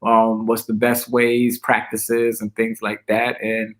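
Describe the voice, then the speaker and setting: A man, a pastor chatting as a guest in a relaxed way and joking about himself. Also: lowish voice, slow. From Brooklyn, New York. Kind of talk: casual interview chat.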